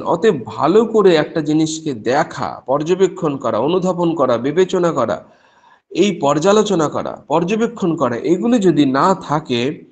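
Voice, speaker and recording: A middle-aged man, a professor, giving a spoken discourse on spiritual teachings, restarting and repeating phrases as he explains. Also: a little high. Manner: acts out quoted exchanges in a story. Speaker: professor giving a religious talk.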